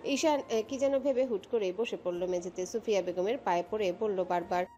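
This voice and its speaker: A woman narrating a romantic audio story in a steady, expressive storytelling voice. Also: mid-range voice, fairly quick, faint music behind.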